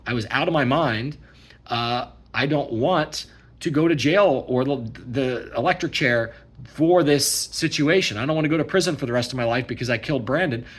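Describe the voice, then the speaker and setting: A man's voice: medium pitch, normal speed, slightly rough, close to an everyday voice. A man voicing a male defendant pleading earnestly before a judge.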